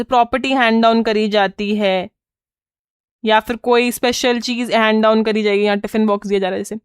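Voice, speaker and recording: Indian woman teacher going over vocab words, bit high voice, dry close sound. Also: smooth, dry recording. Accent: Indian English. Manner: explains in mixed Hindi and English, repeating key words. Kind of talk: exam-prep lesson.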